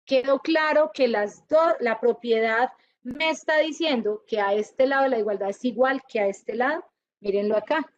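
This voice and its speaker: A woman teaching a university class, lively and often checking whether her students follow. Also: fairly high pitch, moderate pace, dry recording, highs cut off. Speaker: university lecturer. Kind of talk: classroom lecture.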